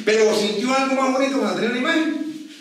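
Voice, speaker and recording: A priest with a fairly high voice, preaching from a distance in a very echoey hall with faint room noise behind him. He tells his stories lively, acting out each person's voice. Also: fast. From Venezuela. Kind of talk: preaching with storytelling.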